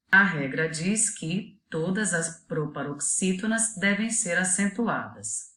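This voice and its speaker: A woman teacher with a Brazilian Portuguese accent giving a video lesson to children, saying each example word slowly and deliberately. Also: on the low side, sharp tone. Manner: slow, deliberate, spells out example words one by one. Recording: echoey room.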